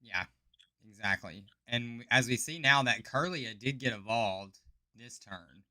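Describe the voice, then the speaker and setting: A man's voice: mid-range voice, measured pace, pushed and bright, no room sound. A man giving play-by-play commentary on a card game match, explaining each play as it happens.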